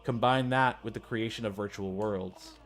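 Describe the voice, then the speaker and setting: A man voicing a confident young male scientist from a video game, speaking in a measured, formal, persuasive way. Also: on the low side, fairly bright tone, soft background music, lightly acted. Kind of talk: video game character dialogue read aloud.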